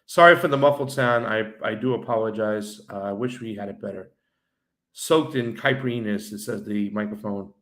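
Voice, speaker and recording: A man's voice: on the low side, moderate pace, fairly bright tone. Casual man on a muffled mic. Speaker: co-host of a live stream. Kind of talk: casual live-stream chat. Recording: muffled microphone.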